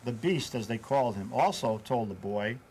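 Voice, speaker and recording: A man being interviewed as a paranormal investigator, telling events in a measured way with hesitant fillers. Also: mid-range voice, animated, darkish tone, husky, rough recording. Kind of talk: interview storytelling.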